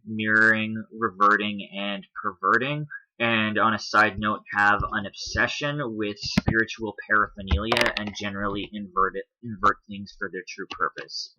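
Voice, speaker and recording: A video commentator offers casual explanations over images, taking his points one at a time, spelling out letters and often tacking on "if you will." His voice is on the low side, pushed and bright, in dull audio with a slight hiss or hum.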